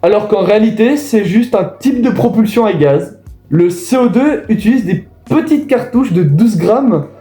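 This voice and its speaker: A man's voice: sits high, lively intonation, normal speed, warm tone. A man explaining things to viewers in a casual voice-over. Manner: casual, addresses viewers directly. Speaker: video host. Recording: echoey room with faint music.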